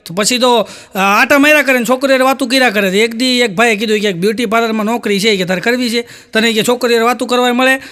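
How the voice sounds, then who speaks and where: A man with a Kathiawadi Gujarati accent telling stand-up jokes on stage as a folk comedian. He strings together quick anecdotes, tags quotes with repeated markers and keeps coming back to a catchphrase. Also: very high-pitched, sharp tone.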